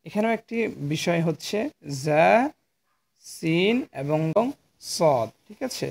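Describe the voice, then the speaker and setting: A man with a Bangladeshi Bengali accent gives a slow pronunciation lesson on Quran letters, stretching each sound out patiently and explaining where the tongue should sit. His voice is a little high and animated, and he speaks slowly.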